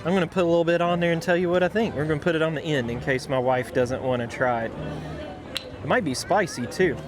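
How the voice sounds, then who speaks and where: An enthusiastic American man chats casually to his vlog audience in a fairly high voice. His folksy delivery comes with clear music behind it, recorded out at a theme park. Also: fast. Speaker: vlogger. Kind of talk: casual on-location vlog chat. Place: theme park, shop and outdoor food areas.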